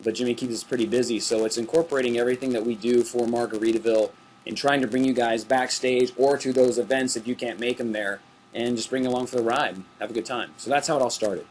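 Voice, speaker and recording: A relaxed, chatty middle-aged man hosts a backstage webcast. His voice sits at an ordinary pitch for a man, and he laughs easily between the viewer questions he reads out. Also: fast, slight background noise. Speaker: webcast host. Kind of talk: casual backstage chat reading viewer questions.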